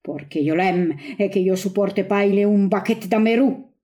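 A woman voicing a blustering older general who speaks French with a put-on Spanish accent, loud and gruff. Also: on the high side, very animated, normal speed, pitched above the performer's own voice. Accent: Spanish-tinged French, put on. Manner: loud, raised voice.

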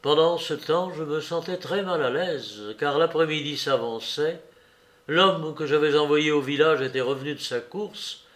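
A man narrating a classic novel in a measured, expressive way. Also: on the high side. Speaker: audiobook reader. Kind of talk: literary narration.

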